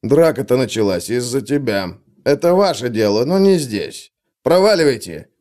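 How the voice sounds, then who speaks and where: A man's voice: mid-range voice, very animated, moderate pace, darkish tone, natural voice. A man voicing a firm head bartender who gives brusque orders. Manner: brusque, commanding.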